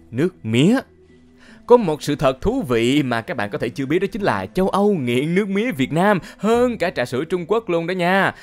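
Lively man narrating over loud music. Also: fairly high pitch. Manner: exclamatory, chatty, addresses viewers directly. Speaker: channel narrator. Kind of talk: energetic top-list video narration.

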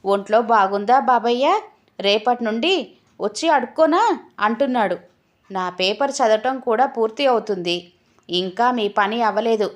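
A woman's voice: on the high side, close to an everyday voice. A woman voicing a sulky, put-upon husband in an audio story, grumbling and sarcastic.

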